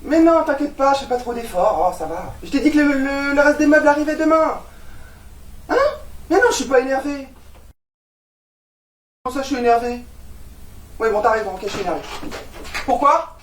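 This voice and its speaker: A woman's voice: high-pitched, moderate pace, long pauses, close to an everyday voice. An actress playing an exasperated, sarcastic young woman, heard on a stage. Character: exasperated young woman, sharp-tongued and ironic. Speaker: new tenant. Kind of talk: stage comedy acting. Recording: echoey stage sound from far off.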